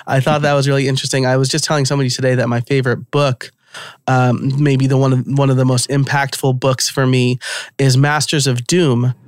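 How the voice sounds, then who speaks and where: A man's voice: mid-range voice, little pitch movement, fairly quick, dry recording. A middle-aged man with a New York accent, hosting a casual, conversational podcast interview. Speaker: podcast host.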